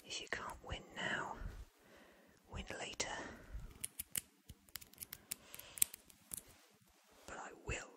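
A man's voice: unhurried, natural voice. Man acting the Doctor, whispering, eccentric. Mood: cocky. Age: 30s. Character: eccentric, curious, confident time-travelling inventor man. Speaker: ASMR performer. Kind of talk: whispered ASMR roleplay.

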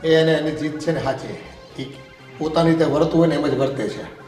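Man acting as calm advising middle-aged dad, echoey room, faint music. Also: fairly high pitch, brisk, close to an everyday voice. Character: patient middle-aged family patriarch. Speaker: father-in-law in family drama. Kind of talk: Gujarati family drama acting.

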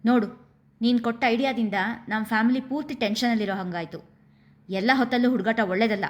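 A woman voicing a middle-aged mother who scolds her daughter in a raised, sharp tone. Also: fairly high pitch, fairly quick, pitched above the performer's own voice, lightly acted. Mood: angry.

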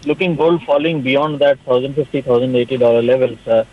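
A man's voice: medium pitch, steady tone, a little fast. A man, a commodity analyst answering on live TV, hesitant, with many fillers and restarts. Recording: tinny phone-like line.

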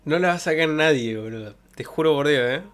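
Fairly high-pitched and fairly quick, a young streamer with a Santa Fe Argentine accent reminisces casually and jokingly on his livestream, using colloquial language. He broadcasts from his bedroom, speaking into a close, pop-filtered desk microphone.

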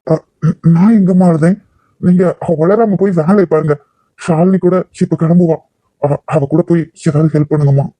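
A mournful young man in a cartoon, voiced by a performer, halting and stammering. His tone is mellow and dark, and it is recorded close and dry. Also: mid-range voice, steady tone, dry recording, close to an everyday voice. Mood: evasive. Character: heartbroken young man in unspoken love. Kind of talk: cartoon voice acting.

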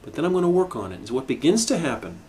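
A middle-aged man teaching a harmonica lesson, explaining in a calm, reflective way with frequent restarts. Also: mid-range voice, racing. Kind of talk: instructional video lesson.

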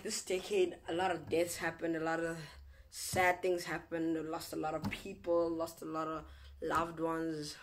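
A man's voice: on the high side, a bit bright. A young man talking casually to camera as a vlogger, rambling and reflective, often repeating himself and restarting phrases. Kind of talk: casual vlog talk to camera.

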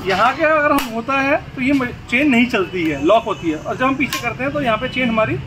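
A young man with a very high voice walks viewers through a machine demonstration step by step. He was recorded outdoors, and clear background noise sits under his speech. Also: lively intonation, a little fast. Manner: explaining step by step, addressing viewers directly. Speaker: product demonstrator. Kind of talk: hands-on product demonstration.

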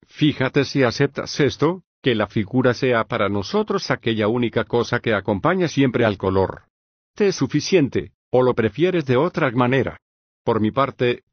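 A male reader voicing Socrates, an older patient philosopher, reading in an even, measured way with long reasoned questions. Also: medium pitch, breathy edge, dry recording, dull audio. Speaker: audiobook reader. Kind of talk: scripted audiobook reading of a philosophical dialogue.

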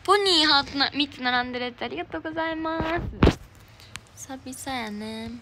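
Her voice sits high and runs a little fast as this young Kansai-accented idol livestreamer chats casually. She reads out comments and gifts from viewers, thanking them cheerfully, and the stream audio is noisy.

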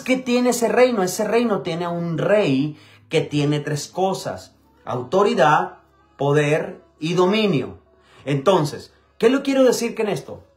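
Male pastor, higher voice, fervent repetitive sermon over soft music. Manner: preaching with repetition and call-and-response.

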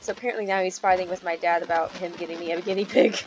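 A woman's voice: on the low side, fairly even intonation, fast talker, muffled recording, a little hiss or hum. A young woman casually commenting on her gameplay, chatty and easily startled, swearing often. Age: young adult. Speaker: gaming channel host.

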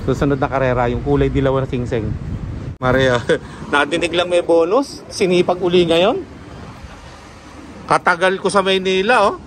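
A man vlogging outdoors at his pigeon loft, chatting excitedly and calling his birds down in the wind. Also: medium pitch. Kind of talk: casual vlog commentary.

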